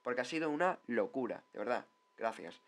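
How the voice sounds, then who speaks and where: A man's voice: mid-range voice, animated, brisk. A man giving a casual, rambling commentary on football mascots, full of tag questions and repeated words. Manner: rambling, chatty, lots of tag questions and repetitions. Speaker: football vlogger reviewing mascots.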